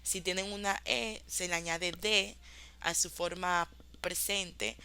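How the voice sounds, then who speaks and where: Woman teacher, clear bright tone, patient review of course modules. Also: on the low side, steady tone. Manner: explains in Spanish, slowly models English examples. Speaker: English teacher. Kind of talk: online class review.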